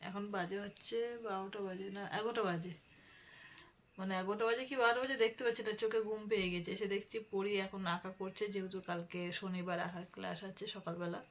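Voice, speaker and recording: A woman's voice: mid-range voice, fairly even intonation, fast talker. Chatty woman vlogging. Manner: chatty, explains everyday chores to viewers. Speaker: vlogger and mother. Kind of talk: casual daily vlog narration. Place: at home. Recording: noisy home recording.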